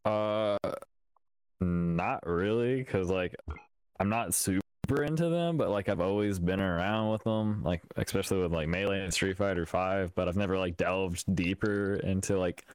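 A man's voice: low-pitched, moderate pace, clean tone, dry recording. A man on a casual group podcast, talking in a laid-back way, full of "like". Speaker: podcast co-host. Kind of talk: casual chat.

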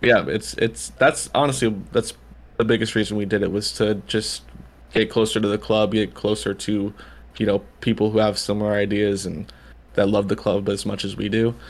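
A man's voice: on the low side, flat delivery, moderate pace. A man, chatting casually as a podcast guest, rambling with lots of fillers and restarts. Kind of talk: casual chat.

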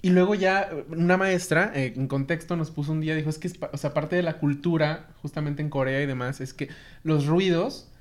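A man's voice: fairly high pitch, fairly quick. A man from Mexico, hosting a casual chat and telling anecdotes with lots of laughter. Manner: animated storyteller, laughs often, acts out voices in anecdotes. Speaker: podcast host.

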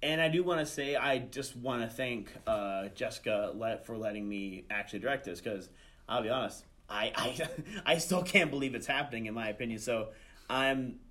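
A young adult man with a mid-range, slightly bright voice talks at a normal speed as an interview guest. He is a student director and voice actor, speaking casually and often restarting his phrases hesitantly.

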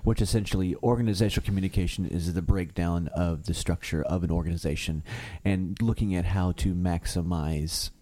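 A guest musician from Kentucky, USA, in his early thirties, chats casually in an interview with a low, dark, steady voice. He talks a little fast with hardly any pauses, laid-back and leaning heavily on "like" and "uh."

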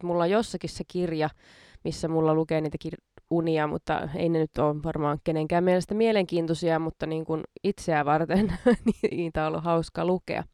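A woman's voice: fairly low pitch, a little mellow, no echo, clean studio sound. A woman hosting a podcast in casual chat, self-mocking and laughing often between her words. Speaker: podcast host.

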